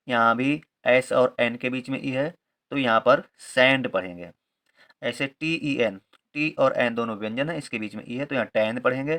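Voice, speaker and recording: A man's voice: mid-range voice, a bit bright. A man teaching English reading rules, patiently spelling words letter by letter and repeating each point with a confirming aside. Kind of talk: Hindi-medium English reading lesson.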